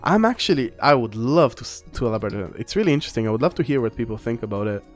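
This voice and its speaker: Male game streamer, casual rambling commentary, mid-pitched, reads chat aloud, faint music underneath. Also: sing-song, rapid-fire. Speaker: gaming streamer. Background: faint background music.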